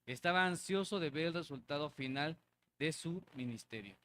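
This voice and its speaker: In a church hall, a man preaches in a conversational way, repeating himself and asking the congregation whether they agree. His voice is fairly high and fairly bright, with lively intonation and a moderate pace, and there's slight background noise.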